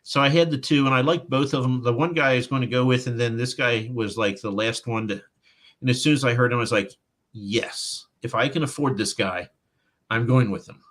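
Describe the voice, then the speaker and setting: Male author guest, medium pitch, storyteller who acts out the quotes. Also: a little fast. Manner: animated anecdote-telling, acting out quotes. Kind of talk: casual interview storytelling.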